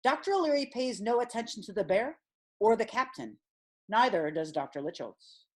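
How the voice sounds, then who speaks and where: A woman reads the narration of a comic audio play in a deadpan, measured delivery. Her voice sits a little high and moves with lively rises and falls. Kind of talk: scripted narration.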